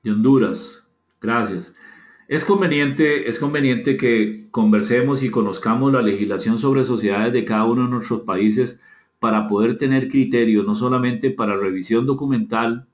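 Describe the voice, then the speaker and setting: This is an interactive online seminar led by a man from Costa Rica with a Costa Rican accent, who speaks at a medium pitch and normal speed from an indoor room. He reads out and answers chat comments, courteously inviting participation and repeating phrases. The room echoes, and the sound is muffled and dull.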